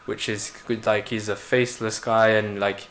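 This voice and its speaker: A laid-back man with a London accent, chatting on a podcast with a fairly low voice. He talks in a loose, slangy way, with plenty of fillers. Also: level tone, moderate pace, fairly bright tone. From Philippines. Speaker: podcast co-host. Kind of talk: casual chat.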